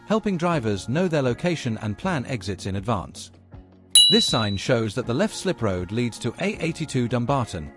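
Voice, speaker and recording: Animated male driving-lesson narrator over music. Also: medium pitch. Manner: measured, explanatory, addresses learners directly. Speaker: driving instructor presenting a video lesson. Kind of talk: scripted instructional narration.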